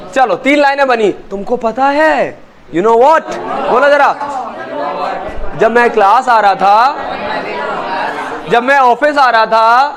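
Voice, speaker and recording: A young man with an Indian accent teaches a spoken English class and keeps checking that his students follow. His voice sits high for a man. He moves between Hindi and English as he explains. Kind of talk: classroom lesson.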